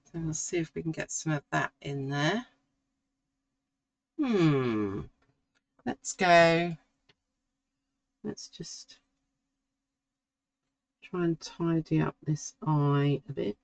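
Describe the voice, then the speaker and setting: Woman, middle-aged, slow pace, gravelly, thinks aloud, art tutorial. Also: low-pitched, lively intonation, no room sound, low-quality recording. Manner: slow, musing, talks to herself while drawing. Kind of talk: relaxed painting tutorial.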